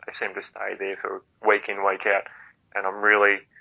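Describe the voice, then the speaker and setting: A man with an Australian accent talks sport as a panellist in a low voice, feeling his way through long explanations. He sounds like he is on a thin phone line. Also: completely flat delivery, normal speed, creaky. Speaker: podcast panellist. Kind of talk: sports discussion.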